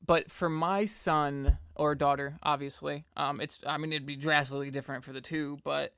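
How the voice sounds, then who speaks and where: Man, twenties, casual podcast chat, smooth voice, higher pitch, candid. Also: steady tone, moderate pace, a bit bright, no echo, studio quality. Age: 20s. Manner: loose, candid, swearing freely. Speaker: podcast co-host.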